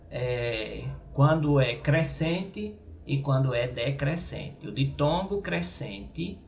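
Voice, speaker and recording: A male teacher with a Brazilian Portuguese accent explains a grammar point slowly and haltingly. He repeats words and keeps checking in with his listeners. The recording sounds echoey, with faint noise underneath. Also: medium pitch. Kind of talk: grammar lesson.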